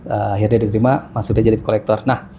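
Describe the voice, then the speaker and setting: A man in his thirties talks through his life story as a podcast guest, stopping often on fillers and restarting his sentences. His voice is mellow and warm. A faint hiss sits under the recording. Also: lowish voice, level tone, fast talker. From Jakarta, Indonesia. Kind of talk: casual interview chat. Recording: faint background noise.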